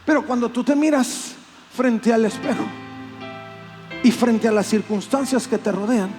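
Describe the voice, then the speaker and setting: A man preaching a sermon as pastor, animated and acting out plaintive voices. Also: very high voice, measured pace, faint music behind. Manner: animated, acts out voices of complaint.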